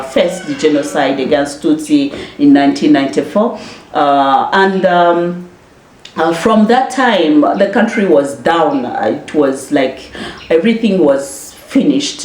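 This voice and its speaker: A woman from Rwanda speaking directly to viewers, halting with frequent filler pauses. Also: on the low side, darkish tone, echoey room. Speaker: commentator addressing viewers. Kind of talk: direct-to-camera personal address.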